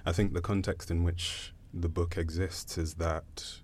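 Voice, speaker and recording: A poet from Zambia speaking thoughtfully in a panel conversation, pausing often. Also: male voice, sits low, flat delivery, darkish tone, slight background noise. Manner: thoughtful, hesitant, many pauses.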